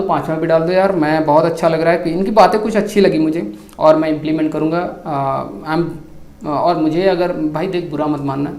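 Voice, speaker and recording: In an echoey room, a YouTuber casually addresses the camera and replies to viewer comments, switching between Hindi and English and constantly dropping "yaar" and "bhai." His voice is on the high side, with a darkish tone.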